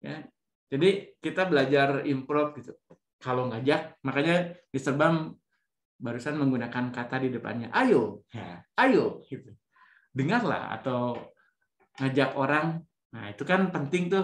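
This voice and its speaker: A man's voice: mid-range voice, roomy sound. A man teaching a live online public speaking class, chatty and coaxing students to volunteer, often ending sentences with tag questions, over a video call mic.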